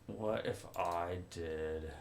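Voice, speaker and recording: A young man with a deep, very slow voice and vocal fry co-hosts a chess show, joking, rambling, and thinking aloud about his moves. The casual chat is recorded in a roomy space with faint noise.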